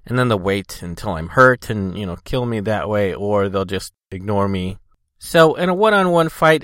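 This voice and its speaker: A man's voice: lowish voice, a bit bright, no echo, clean studio sound. Man with a cold, slightly thick-tongued, rambling casually. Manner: informal, loosely hedged rambling. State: congested with a cold. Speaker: podcast host. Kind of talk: casual rambling solo gaming podcast.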